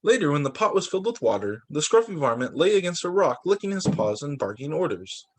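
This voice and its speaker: Reading to children, this teacher delivers the story in a lively way, tossing in exclamations and asides. His higher voice is very animated and brisk, with a breathy edge.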